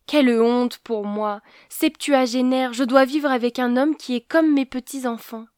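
A woman playing a sharp-tongued old wife. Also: sits high, a little slow, no room sound, voice pushed up. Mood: lamenting. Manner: indignant, exclaiming. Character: elderly wife in her seventies, quick-tempered.

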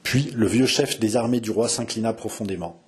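A man narrating a classic novel as an audiobook, in a measured, expressive storytelling manner. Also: lowish voice, a little hiss or hum.

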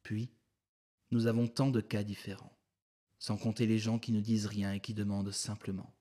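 A man's voice: fairly low pitch, little pitch movement, normal speed, mellow, natural voice. A man voicing a polite, earnest male secretary guiding a visitor, courteous and explanatory.

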